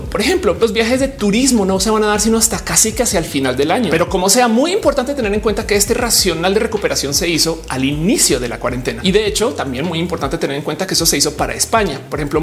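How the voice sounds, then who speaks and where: A woman in her thirties talking to camera in an informal explainer vlog, chatty and animated, with slang fillers, recorded in a small home studio. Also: lowish voice. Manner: fast, animated, with lots of hand gestures. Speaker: vlogger. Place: indoor home studio with bookshelves.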